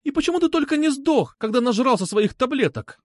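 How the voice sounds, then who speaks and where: A man reading an audiobook and voicing a scornful young woman who shouts in shrill exasperation. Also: wildly swooping pitch, measured pace, dry recording, clean studio sound, full character voice. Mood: furious. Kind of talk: audiobook character voice.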